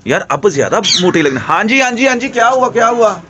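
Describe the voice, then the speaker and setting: A young man hosting a casual pet vlog at home, chatting excitedly and coaxing his animals. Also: sits high, brisk, crowd noise, noisy background. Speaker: pet vlogger.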